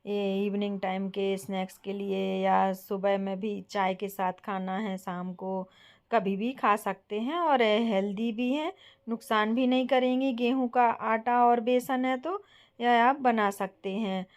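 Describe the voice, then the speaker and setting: A young woman from Bundelkhand hosting her home cooking channel, calmly explaining each step to viewers. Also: mid-range voice, a little slow, smooth. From Bundelkhand, India. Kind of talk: casual cooking tutorial.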